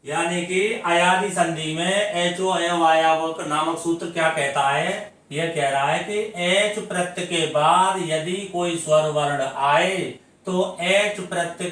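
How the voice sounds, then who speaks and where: A man with a fairly high voice teaches at an unhurried pace, posing questions to the class and answering them himself. He stretches example words out syllable by syllable. The recording is very echoey, with the voice picked up from some distance from the mic. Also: steady tone, a bit bright. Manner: explains step by step, asking questions and answering them. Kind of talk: Hindi grammar lesson. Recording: very echoey room, voice from away from the mic.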